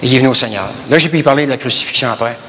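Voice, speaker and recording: A man's voice: medium pitch, rapid-fire, pushed and bright, big-room sound, a little hiss or hum. A man from Canada with a Québécois accent, preaching a sermon emphatically and repeating phrases, addressing the congregation as brothers and sisters. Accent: Québécois French. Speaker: pastor.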